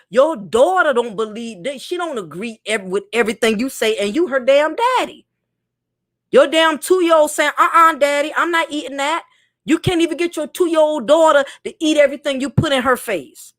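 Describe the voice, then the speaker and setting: A woman from New York giving a blunt, profane casual commentary monologue to her viewers. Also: high voice. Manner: blunt, profane, with mimicked voices. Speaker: content creator.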